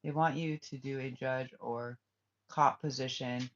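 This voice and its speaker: Over a muffled, lo-fi stream, a spiritual reader with a medium-pitched voice speaks at a measured pace with fairly even intonation. The talk wanders through unfinished ideas, often trailing off and starting again, and ends in blunt, profane answers to viewers.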